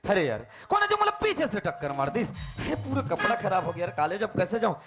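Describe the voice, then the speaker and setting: Cocky young male student acted by a man, Chhattisgarhi accent, swooping animated delivery, comic stage skit with music. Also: sits high, brisk. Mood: annoyed, challenging. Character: cocky, hot-headed young male college student, easily smitten. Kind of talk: comic folk stage acting.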